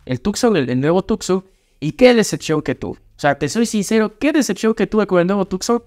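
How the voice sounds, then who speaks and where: A man's voice: high voice, animated, brisk, a little mellow. A young man, hosting a casual car review chat, emphatic and opinionated, often restarting his sentences. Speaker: car channel host. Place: small studio set with brick wall. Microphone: desk microphone.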